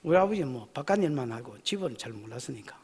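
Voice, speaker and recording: A man's voice: medium pitch, sing-song, quick pace, a little mellow, husky. A male pastor preaching a folksy, emphatic sermon at a church service, often asking the congregation questions. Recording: echoey church hall.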